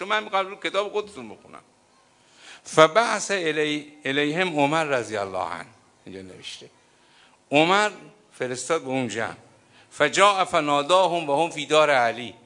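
A man preaching a sermon as a cleric, emotional and swinging between loud and hushed, reading Arabic passages aloud and explaining them. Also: medium pitch. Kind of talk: sermon reading from a history book.

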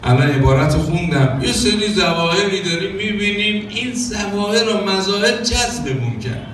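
A man's voice: high voice, a little hiss or hum. A man preaching a sermon, telling stories and acting out quoted dialogue with sung phrases. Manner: animated, acts out quoted dialogue, sings some phrases. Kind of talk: religious sermon with storytelling. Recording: echoey hall from far off.

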